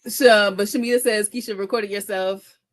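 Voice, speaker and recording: A woman with a medium-pitched voice and fairly even intonation hosts an informal livestream, reading viewer comments aloud and answering conversationally. As a content creator she talks fast, tripping over words now and then and restating phrases for emphasis.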